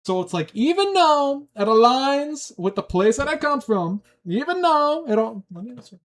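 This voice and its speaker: A young man from Long Island with a New York accent, chatting casually on a livestream and reacting to his chat in a rambling, animated, slangy way. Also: very high voice, moderate pace.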